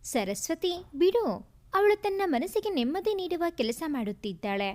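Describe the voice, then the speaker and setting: A woman voicing a calm, understanding father who reasons with his wife in a storybook tale. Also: very high voice, moderate pace.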